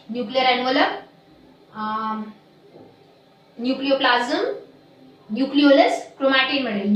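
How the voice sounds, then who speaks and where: Woman teacher, high voice, slow and deliberate, drilling students, very echoey room far from mic. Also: fairly bright tone. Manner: slow, deliberate stressing of key terms, quizzing students. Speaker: biology teacher. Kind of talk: classroom lecture mixing Hindi and English.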